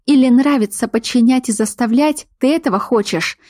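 A woman's voice: on the high side, normal speed, mellow, dry recording, clean studio sound, pitched above the performer's own voice, lightly acted. A woman voicing a frightened but defiant young fox-shifter woman in an audiobook, speaking in a raised, agitated voice. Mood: furious.

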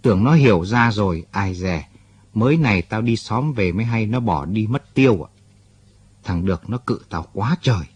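A man's voice: fairly low pitch, animated, moderate pace, breathy edge, no echo. A man voicing an older rural man who is blunt but kind-hearted. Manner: scolding yet fatherly, talks bluntly.

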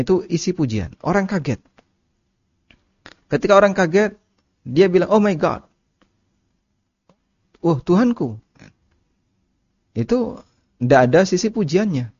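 A man teaching a religious study session, answering questions in a calm, explanatory way with informal asides. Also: mid-range voice, no room sound. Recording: dull muffled dry recording.

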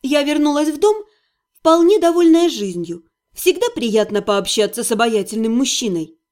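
A woman narrating a first-person fantasy audiobook in an expressive, wry manner. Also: sits high, moderate pace.

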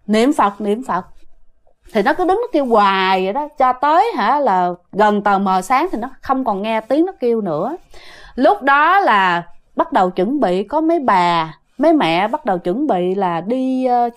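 A woman with a Southern Vietnamese accent narrates a ghost story in a high voice. Her pitch leaps around a lot, and she keeps speaking directly to her listeners. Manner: animated, addresses listeners directly.

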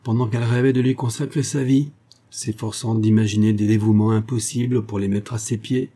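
Husky dark-voiced male narrator. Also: on the low side. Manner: measured, expressive reading. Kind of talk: audiobook reading of a classic story.

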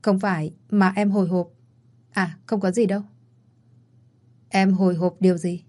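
Female storyteller, mellow tone, reads all the dialogue herself in one even voice. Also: on the low side, moderate pace. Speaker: narrator. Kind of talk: reading a romance story aloud.

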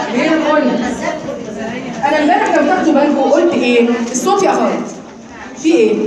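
Fast high-voiced Egyptian woman teaching. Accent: Egyptian Arabic. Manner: explains then demonstrates sounds slowly, quizzing students. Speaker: Quran recitation teacher. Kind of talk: live class lecture on tajweed. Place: classroom or hall with students. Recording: very echoey room with people around.

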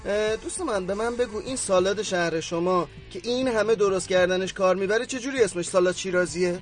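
A man's voice: high voice, faint music behind. A man playing a judge in a radio sketch, teasing and quizzical.

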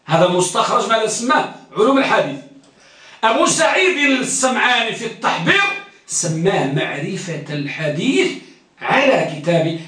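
Male lecturer, high voice, quizzes students and repeats points; far from the mic in a very echoey classroom. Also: fairly bright tone. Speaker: teacher of hadith studies. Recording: very echoey room, distant mic.

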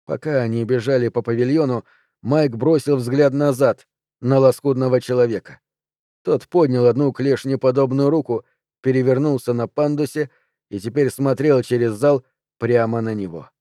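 Male audiobook narrator, steady measured reading, warm dark voice, dry close sound. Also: medium pitch, dry recording. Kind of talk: scripted narration.

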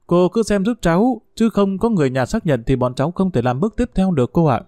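A man doing a brisk young female ER doctor. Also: high-pitched, expressive, mellow, no echo, voice pushed up. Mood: calm, soothing. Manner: urgent, commanding.

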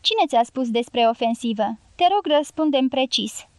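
A woman reading as a cynical, deadpan male journalist. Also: high voice, no echo. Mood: curt. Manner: dry, flat and mocking. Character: world-weary cynical male Soviet journalist.

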